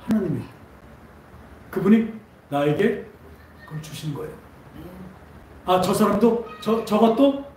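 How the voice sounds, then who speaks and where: A man whose voice sits high but has a dark tone preaches on a Sunday, asking the congregation question after question. The echoey church sanctuary is captured from a distance, and slight background noise can be heard.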